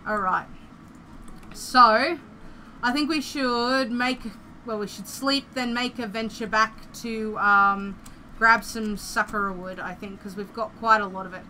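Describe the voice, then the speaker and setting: A woman's voice: on the high side, fairly even intonation, a little slow, bright, forceful tone, slight background noise, poor audio. A young Australian woman chatting casually and playfully as she streams a building game, rambling through her thoughts.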